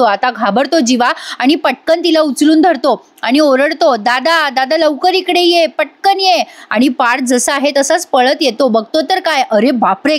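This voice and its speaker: A woman retelling a TV serial episode to her viewers in a lively, dramatic way, speaking to them directly. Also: high voice. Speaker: TV serial recap vlogger.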